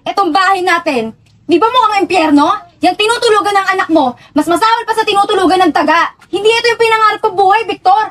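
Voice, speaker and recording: A woman's voice: fast talker, a bit bright. A woman playing a bitter, scolding young wife. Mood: reproachful. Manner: shrill, scolding, swearing. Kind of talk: student drama acting.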